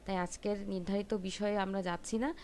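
A woman giving a spoken language lesson, explaining patiently step by step and repeating pronunciations slowly. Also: mid-range voice, flat delivery, a little mellow, slight background noise. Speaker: Korean language teacher.

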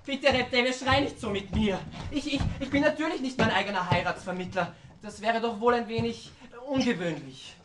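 A young actor playing a timid, earnest poor tailor on stage, hesitant and stammering. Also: male voice, very high-pitched, brisk, hardly any pauses. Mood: nervous, pleading. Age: young adult. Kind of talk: stage musical acting in German. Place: theatre stage.

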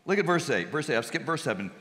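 A male pastor delivers a sermon in a church sanctuary, his voice high and bright with a forceful edge. He leans on emphasis, repeats key phrases for the congregation to finish, and slips in jokey asides. The sound rings with long hall reverb. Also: sing-song, quick pace, a little hiss or hum.

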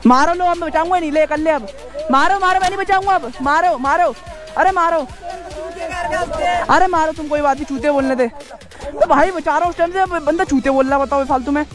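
A man's voice: very high-pitched, brisk, music in the background. A man vlogging, trying to break up a fight and arguing back in exasperated, pleading outbursts. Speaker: motovlogger. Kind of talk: casual vlog argument.

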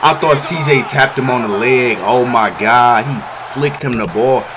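A man reacting excitedly to football highlights, loud and full of profanity. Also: a little slow, crowd noise. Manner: loud, profane, animated hype. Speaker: fan reacting to game highlights.

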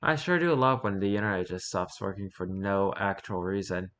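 Speaking in a low, a bit bright voice at normal speed, a man casually reads wiki pages on stream. He reacts with dry, offhand remarks and occasionally trips over the text.

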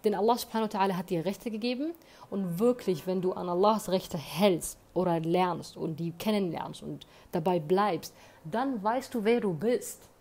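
A woman's voice: on the low side, normal speed, a little mellow. A woman talking straight to her phone camera in a room, giving earnest, emphatic motivational advice and often checking in with tag questions. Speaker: advice vlogger. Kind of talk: motivational monologue. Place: indoor room.

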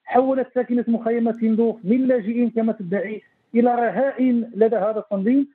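A man speaking as a guest analyst in a TV debate, talking fast and insistently with restarts. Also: very high-pitched, steady tone, breathy edge. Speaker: guest analyst on Western Sahara affairs. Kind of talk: remote TV debate commentary. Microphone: phone line. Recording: tinny phone line.

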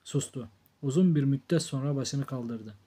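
A man narrating an audiobook novel in a calm, measured reading voice. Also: mid-range voice.

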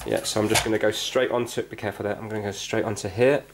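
This amateur repair host is a fast talker with a fairly low pitch and fairly even intonation. He gives casual hands-on commentary from an indoor wooden floor, thinking aloud and repeatedly asking himself questions, in a clicky, noisy recording.

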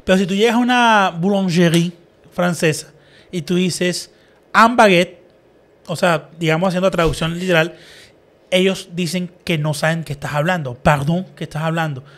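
A man hosting a casual podcast chat, animated and acting out the people in his stories. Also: sits high, normal speed. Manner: animated storyteller, acts out quoted people. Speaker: podcast host.

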